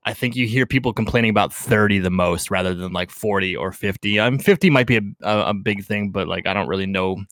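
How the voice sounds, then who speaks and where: A man in his mid-twenties with a deep baritone voice, co-hosting a casual podcast chat, laid-back and swearing casually. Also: brisk, hardly any pauses, a bit bright, no room sound, clean studio sound. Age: 20s. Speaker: podcast co-host.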